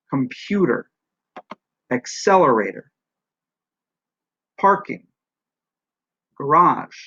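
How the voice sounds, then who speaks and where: A husky-voiced man gives a recorded French lesson, carefully sounding out example words. The sound is dry and a little dull, like a modest lo-fi recording. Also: medium pitch, fairly bright tone, no echo. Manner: explanatory, demonstrates words slowly with rising and falling tone. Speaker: French teacher.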